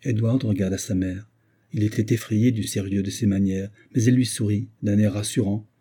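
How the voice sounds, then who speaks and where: A man narrating a classic novel as an audiobook in a measured, even way. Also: fairly low pitch, husky.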